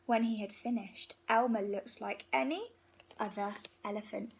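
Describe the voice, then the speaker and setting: A woman reading a picture book aloud to young children in an expressive, unhurried way, pausing between phrases. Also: a little high, gravelly, a little hiss or hum, rough recording.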